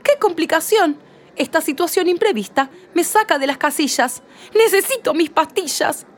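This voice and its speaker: A woman reads the part of a fussy, rule-bound cashier in a play, her voice pushed up to an extremely high pitch with lively intonation at a moderate pace. She is insistent and easily flustered, growing exasperated and fussy.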